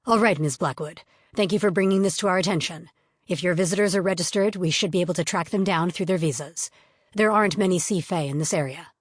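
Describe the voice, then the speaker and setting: A woman voicing a gruff, condescending male agent. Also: fairly low pitch, quick pace, no echo, clean studio sound, close to an everyday voice. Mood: brusque. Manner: brusque, condescending questioning. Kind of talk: audiobook character voice.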